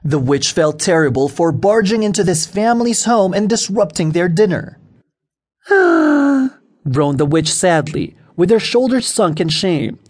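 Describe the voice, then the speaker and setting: A man narrating a children's audiobook in an expressive storytelling way. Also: high voice, moderate pace, hardly any pauses.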